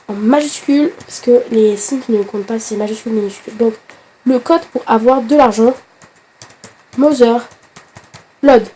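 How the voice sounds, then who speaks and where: Hoarse lady with a flu walking you through a game, mellow low tone, chatty, bit higher voice. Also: a little hiss or hum. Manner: chatty, talks straight to the viewer, hesitant fillers. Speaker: gaming tutorial host. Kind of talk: casual game tutorial.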